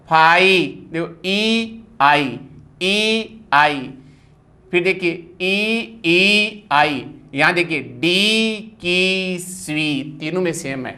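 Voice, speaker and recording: A man's voice: fairly high pitch, fairly bright tone. Hindi-accented male teacher explaining phonetics. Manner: explanatory, repeats "dekhiye" often. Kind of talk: exam-prep phonetics lesson.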